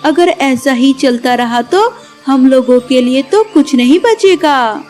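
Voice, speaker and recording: A woman's voice: high voice, expressive, takes it slowly, darkish tone, faint music behind. A woman voicing a jealous, spiteful young sister-in-law sparrow in a cartoon, talking in an urgent, tattling way.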